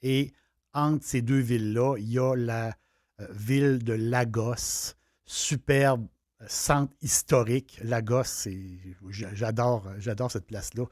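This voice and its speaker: A man's voice: medium pitch, fairly even intonation, slow, darkish tone, dry recording, studio quality. A man with a Quebec French accent, hosting a casual travel talk and chatting with enthusiasm, often restarting his phrases. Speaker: travel host.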